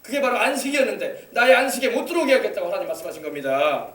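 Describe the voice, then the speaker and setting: A man's voice: sits high, lively intonation, rapid-fire, fairly bright tone. A male pastor preaching an emphatic sermon, exhorting the congregation with rhetorical questions. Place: church sanctuary. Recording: echoey church hall, mic at a distance.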